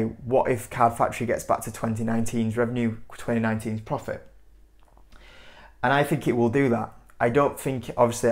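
A young man in his twenties hosting an investing channel, talking casually to camera in front of a whiteboard indoors, rambling with lots of "you know" and gesturing as he speaks. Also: mid-range voice. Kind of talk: casual stock commentary to camera.

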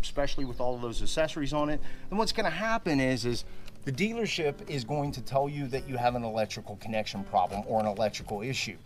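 A man in his forties hosting a car repair vlog from his open garage, chatting casually and repeating "honestly" and "guys" often. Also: mid-range voice. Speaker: car repair channel host. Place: open home garage, outdoors by driveway.

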